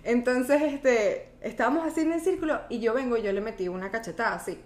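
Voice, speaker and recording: A woman's voice: on the high side, a little fast. Storytelling Venezuelan woman, echoey room. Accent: Venezuelan Spanish. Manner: lively anecdotal, playful, mixes English phrases. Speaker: podcast co-host. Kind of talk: casual storytelling chat. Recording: roomy echo.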